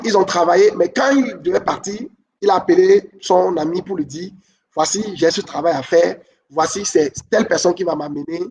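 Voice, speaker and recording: A man's voice: sits high, far from the mic, dull audio. A man giving a relationship coaching talk, repeating his main points and checking in with the listeners. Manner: repeats key points, asks "ok?" often. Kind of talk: teaching talk.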